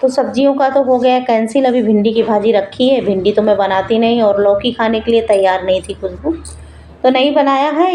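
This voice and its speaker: Middle-aged woman, home vlogger: mellow, fairly high voice, chatty homely commentary from her kitchen. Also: a little hiss or hum, poor audio. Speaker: home cooking vlogger and mother. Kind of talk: casual vlog narration.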